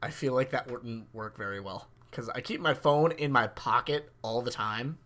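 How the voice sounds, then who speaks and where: A man's voice: medium pitch, moderate pace, a bit bright. A young man co-hosting a podcast, chatting casually and giving eager, teasing advice. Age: young adult. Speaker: podcast co-host. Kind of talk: casual chat. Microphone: wearing on-ear headphones.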